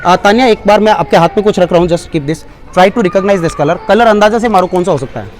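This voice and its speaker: A man presenting at a school seminar gives a live demonstration speech, coaxing the children and mixing in English phrases. His voice is high and a little fast, with slight background noise behind it.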